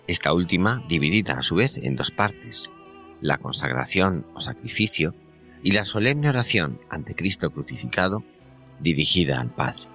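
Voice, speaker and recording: A very deep male voice reads a scripted spiritual reflection, his pitch rising and falling expressively over a soft bed of music. The radio recording is a little muffled. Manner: measured, solemn reading. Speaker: radio co-host.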